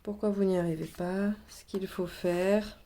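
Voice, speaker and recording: A woman giving a tarot reading, talking in a casual, reassuring way and pausing often to find her words. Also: mid-range voice, fairly even intonation, dark tone. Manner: thinking aloud, many fillers, reassuring asides. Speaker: tarot reader.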